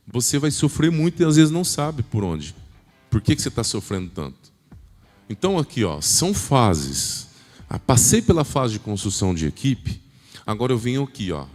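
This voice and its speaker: A man's voice: mid-range voice, darkish tone. A man giving an emphatic motivational sales talk at a church event, often asking the audience questions. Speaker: business speaker at a church event. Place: large church hall. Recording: long hall reverb, faint music.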